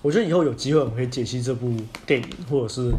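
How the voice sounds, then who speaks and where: Taiwanese guy cohosting a podcast, talks fast and swears casually, faint noise behind. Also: mid-range voice, darkish tone. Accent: Taiwanese Mandarin. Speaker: podcast co-host. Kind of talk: casual chat.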